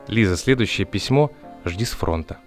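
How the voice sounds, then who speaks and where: Low-voiced, earnest soldier father, read by a man. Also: lively intonation, moderate pace, lightly acted. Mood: tender, wistful. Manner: earnest, simple, homely. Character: Soviet soldier father writing home, tender and resolute. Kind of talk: dramatised reading of a wartime letter. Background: guitar music.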